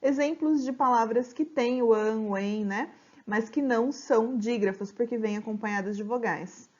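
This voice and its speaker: A woman teacher giving a slide-based grammar lesson, explaining patiently and stretching example words out slowly. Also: fairly high pitch, a little mellow, highs cut off. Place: home.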